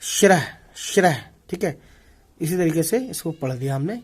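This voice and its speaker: A man's voice: on the high side, warm tone, breathy edge. A man teaching an Urdu reading lesson, patiently sounding out and repeating words for learners. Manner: patient, repeats words slowly to drill pronunciation.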